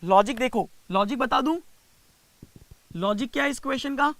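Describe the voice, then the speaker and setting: A young Indian man teaching reasoning in a live online class, mixing Hindi with English, coaxing and teasing students by name and slowing down to spell out each step. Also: extremely high pitch, fairly bright tone, no echo. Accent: Indian English mixed with Hindi. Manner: coaxing and teasing, reads out student names, slows down to spell out steps. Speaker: reasoning teacher for bank exams.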